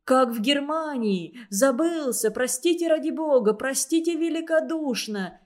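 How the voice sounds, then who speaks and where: A woman's voice: a little high, measured pace, a little mellow. A woman reading a storybook aloud and voicing a small, round, flustered male barber who babbles apologies. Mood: babbling.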